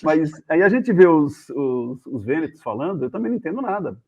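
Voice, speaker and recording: A man with a Brazilian accent, a guest journalist, telling anecdotes in a casual, animated way and acting out the voices of the people in them. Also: fairly high pitch, brisk. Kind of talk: casual storytelling. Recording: tinny phone-like video call audio.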